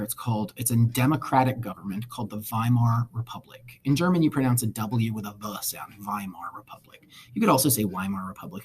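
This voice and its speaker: A man's voice: mid-range voice, a little mellow, husky. A male history teacher giving a casual recorded lecture, conversational with wry asides.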